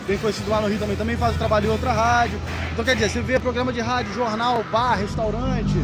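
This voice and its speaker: A man in his thirties with a Rio de Janeiro accent, chatting casually and informally in an interview. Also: very high-pitched. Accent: Rio de Janeiro (carioca). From Rio de Janeiro, Brazil. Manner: slangy, informal. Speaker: beer sommelier, interview guest. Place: large indoor festival hall beside stacked kegs. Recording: loud music and crowd noise behind.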